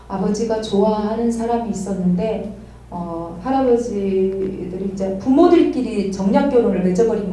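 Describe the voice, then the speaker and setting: A woman's voice: medium pitch, dark tone, slight background noise. A middle-aged woman candidly sharing a personal testimony at a church study group, often laughing as she talks. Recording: distant mic in an echoey room.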